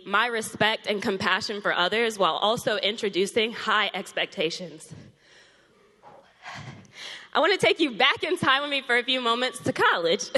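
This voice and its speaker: A woman's voice: on the high side, pushed and bright. A young woman in her twenties, a fourth grade teacher, giving an earnest speech to an audience, a little out of breath. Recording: long hall reverb.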